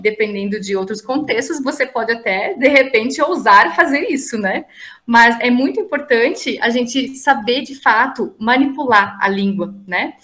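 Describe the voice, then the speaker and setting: Bright-voiced woman teaching an online class. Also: fairly high pitch. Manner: explanatory, many tag questions and fillers. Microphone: video call.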